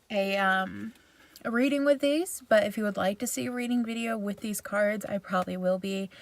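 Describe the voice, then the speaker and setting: A woman giving a casual, chatty review with a self-deprecating manner, recorded inside a parked vehicle. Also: medium pitch. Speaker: video reviewer.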